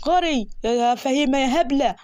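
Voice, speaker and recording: A woman's voice: high-pitched, a little fast, darkish tone, lightly acted. A woman doing a stubborn young goatherd. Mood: gruff. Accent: Egyptian Arabic. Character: stubborn poor young village goatherd man.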